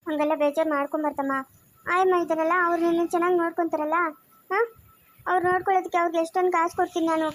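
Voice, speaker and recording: A woman's voice: very high voice, flat delivery, rapid-fire. A woman playing a loving young mother who coaxes her child with pet names, in an amateur family drama. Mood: soothing. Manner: coaxing, affectionate, repeats pet names.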